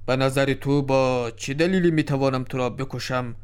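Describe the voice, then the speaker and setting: A man's voice: medium pitch, steady tone, smooth, close to an everyday voice. A man voicing a shrewd king who questions and commands in a told story. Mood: commanding. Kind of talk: storybook drama reading.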